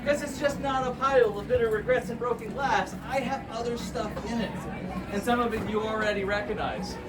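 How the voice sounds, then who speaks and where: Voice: mid-range voice, a little fast, over loud music. A street performer doing self-deprecating, showman-like comedy patter for a live audience at a Renaissance fair. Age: 30s or older. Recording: distant mic, loud crowd and noise.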